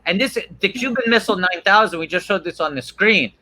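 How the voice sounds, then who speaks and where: A man's voice: high-pitched, expressive, a little fast, pushed and bright, rough recording. A man hosting a livestream and leading improvised comedy banter. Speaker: host.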